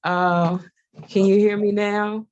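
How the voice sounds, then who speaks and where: A woman on a video call whose voice keeps cutting in and out, talking in a halting, apologetic way at a work meeting. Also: medium pitch, little pitch movement, darkish tone, slight background noise. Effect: voice cutting in and out over a bad connection. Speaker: community stakeholder on a workgroup call. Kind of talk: virtual meeting talk. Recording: dull lo-fi call audio.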